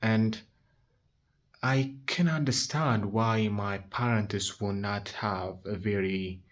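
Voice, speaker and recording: A nineteen-year-old vlogger speaks slowly in a fairly low voice, holding his phone and talking frankly in a casual vlog. He swears a lot and keeps restarting his sentences.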